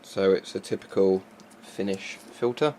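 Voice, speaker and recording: A man's voice: sits low, a little slow, a little mellow. A man giving a casual, unscripted hands-on demonstration as a presenter. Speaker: presenter showing military gas masks. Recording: faint background noise, amateur recording.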